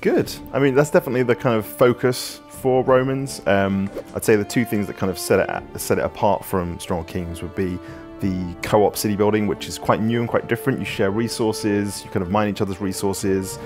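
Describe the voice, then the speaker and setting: A deep-voiced man talks through viewer questions about his game, filling gaps with ums and you-knows as he rambles. His low voice sits over a faint bed of background music. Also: a little fast. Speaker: game developer answering questions. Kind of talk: casual Q&A chat.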